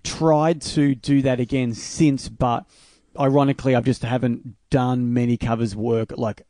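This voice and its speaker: An Australian man hosting a casual interview, telling stories in blokey, animated slang. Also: medium pitch, a little slow, dry recording, clean studio sound. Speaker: podcast host and music teacher.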